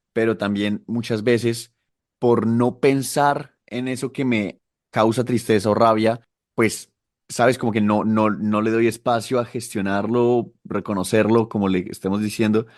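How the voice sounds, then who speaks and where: A man's voice: mid-range voice, fairly even intonation, measured pace, dry recording, studio quality. A young man co-hosting a podcast, thinking aloud in a reflective, hesitant way. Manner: reflective, hesitant, many fillers. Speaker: podcast co-host. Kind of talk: casual conversational talk.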